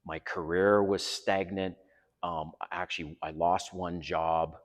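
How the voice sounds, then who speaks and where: A man's voice: low-pitched, steady tone, takes it slowly, in a large hall. A middle-aged man from Canada, hosting his vlog and talking frankly and earnestly, swearing freely. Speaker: vlog host. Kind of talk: candid personal vlog talk. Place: outdoors by a residential pool.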